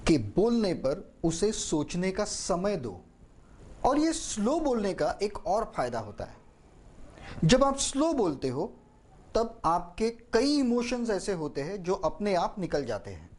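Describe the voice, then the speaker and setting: A man giving a lesson on public speaking, with a slow, deliberate delivery, long pauses and spoken demonstrations. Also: a little high, a little mellow.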